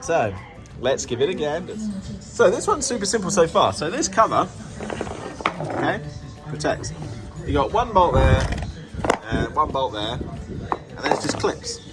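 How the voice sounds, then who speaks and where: A man's voice: on the high side, very animated, unhurried, pauses often, loud music behind the voice. A British man chatting casually for a vlog about his own work, playful and jokey, slipping into silly baby-talk words. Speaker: car dealer filming a repair vlog.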